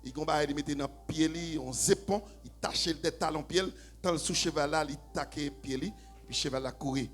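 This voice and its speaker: A man with a Haitian accent preaching a sermon in church, swinging from low, quiet talk to shouted, half-sung preaching. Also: moderate pace, soft background music. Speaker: pastor. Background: faint keyboard.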